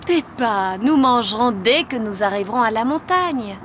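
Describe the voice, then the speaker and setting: A woman's voice: fairly high pitch, lively intonation, moderate pace, slight background noise, natural voice. A woman voicing a kindly gazelle schoolteacher in a preschool cartoon, instructing young pupils patiently. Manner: clear instructions in a patient, teacherly way. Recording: music under the voice.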